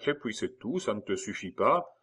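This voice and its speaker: A man's voice: on the low side, sing-song, normal speed, fairly bright tone, husky, exaggerated voice. A man reading as a boastful revolutionary informer. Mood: sly. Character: gruff male revolutionary patriot, boastful informer.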